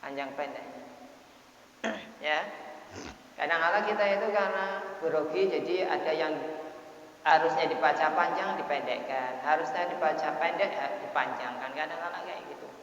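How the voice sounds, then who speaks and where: A man teaching a Quran recitation lesson who chants the Arabic words and often clears his throat. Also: on the high side, moderate pace, long pauses, a bit bright, slight background noise. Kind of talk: tajwid lesson. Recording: dull, echoey hall sound.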